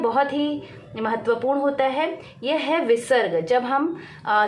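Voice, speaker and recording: A woman teaching a grammar lesson to children, explaining patiently and checking in often. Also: on the high side. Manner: patient, explaining slowly with many "ठीक है" checks.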